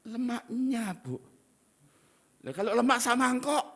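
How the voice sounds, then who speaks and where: A middle-aged man, preaching a sermon as pastor in a lively, teasing manner with asides. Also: very high voice, measured pace, breathy edge.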